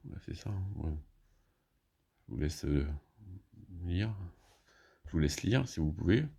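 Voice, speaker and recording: A man's voice: low voice, animated, a little slow, gravelly, warm tone. A man casually explaining his moves in a solo board game, thinking aloud with many hesitations and restarts.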